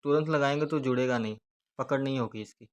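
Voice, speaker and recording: A man's voice: mid-range voice, lo-fi sound. A man with a Pakistani Urdu accent giving a hands-on speaker repair tutorial, explaining each step steadily as he works. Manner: steady, repetitive explaining while working with hands.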